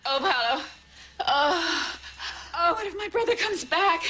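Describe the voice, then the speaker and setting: A woman playing a swooning young woman in a love scene, in a breathy voice. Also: very high-pitched, animated, unhurried, sharp tone, slight background noise, voice pushed up, exaggerated voice, low-quality recording.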